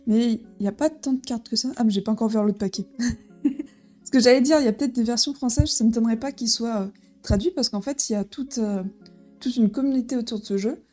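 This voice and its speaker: A woman's voice: fairly high pitch, quick pace, warm tone, soft background music. A woman casually presenting a board game as she unboxes it, with frequent fillers and restarts. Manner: hesitant, many fillers and restarts.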